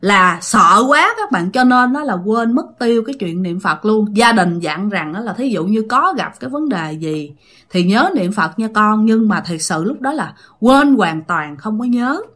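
Woman storyteller, Southern Vietnamese accent, bright and animated, dramatic and chatty with listeners. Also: medium pitch, moderate pace. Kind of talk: casual ghost story telling.

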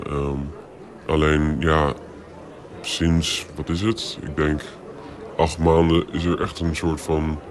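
A man in his twenties, an anonymous interviewee whose voice is distorted and pitched down very deep so he cannot be recognised, speaking hesitantly with many filler sounds. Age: 20s.

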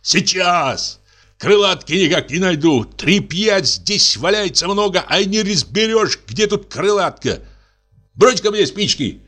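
A man's voice: high voice, animated, measured pace, a bit bright, soft background music, pitched above the performer's own voice, heavily acted. A man reading aloud and voicing a tipsy, worn-out husband who coaxes, curses and frets. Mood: flustered, frantic. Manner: wheedling, then cursing and exasperated. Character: tipsy, exhausted middle-aged husband, fussy and pleading.

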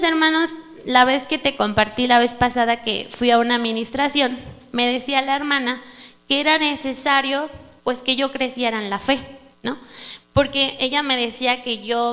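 A woman with a Mexican Spanish accent, giving a sermon testimony in a church service and telling her story in an animated way. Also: high-pitched, normal speed. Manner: animated storytelling, addresses listeners as brother. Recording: reverberant hall with mains hum.

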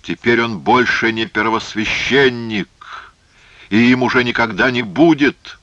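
A man voicing a furious, vicious young prince who shouts venomous accusations. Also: fairly low pitch, lively intonation, unhurried, no room sound, highs cut off, voice pushed up, heavily acted. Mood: enraged.

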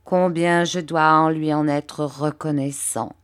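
A woman voicing a fawning, falsely humble young male clerk in an audiobook, speaking slowly and unctuously. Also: low voice, steady tone, smooth. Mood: oily. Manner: unctuous, slow, ingratiating. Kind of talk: audiobook character reading.

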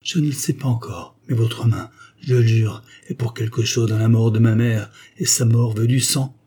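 A man's voice: medium pitch, moderate pace, warm tone, husky, lightly acted. A man reading an audiobook voices a furious, grief-struck young duke who hurls vehement accusations. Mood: enraged.

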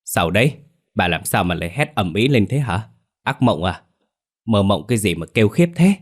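A man's voice: lowish voice, sing-song, normal speed. A man voicing a brusque older father who talks bluntly to his wife. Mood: gruff.

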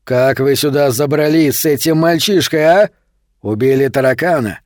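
A man reading an audiobook, voicing a brutal male vampire thug with slow, loud, jeering threats. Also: fairly high pitch, dry recording, studio quality, natural voice. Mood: menacing.

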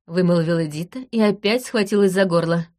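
A woman reading an audiobook in the first person, in a brisk, dry and commanding manner. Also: on the low side, a little mellow. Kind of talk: audiobook narration.

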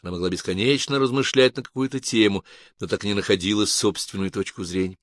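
A man reading an audiobook in a measured, dramatic narration. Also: on the low side, fairly even intonation, no echo, studio quality. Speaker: audiobook reader. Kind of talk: audiobook narration of science fiction.

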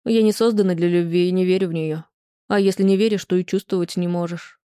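An audiobook reader voicing a tired, guarded woman turning away her ex-husband, calm and restrained. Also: lowish voice, fast, smooth, no echo, studio quality, natural voice. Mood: weary.

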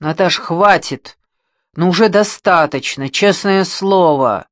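A man playing a bitter, short-tempered man who shouts in anger. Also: a little high, expressive, unhurried, no room sound, clean studio sound. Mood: angry. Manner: loud, shouting, gruff.

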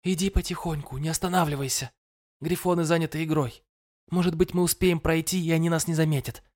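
A man's voice: fairly high pitch, fairly even intonation, brisk, darkish tone, pitched above the performer's own voice, close to an everyday voice. A man voicing a grating, hissing female spirit made of green gas, urging and commanding. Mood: urgent. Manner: urgent, commanding whispers and orders. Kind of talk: audiobook character voice.

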